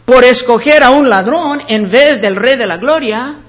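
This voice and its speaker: A man's voice: very high-pitched, measured pace, fairly bright tone. A man preaching a sermon in earnest, calling his listeners brothers and sisters and reading scripture verses aloud with their references.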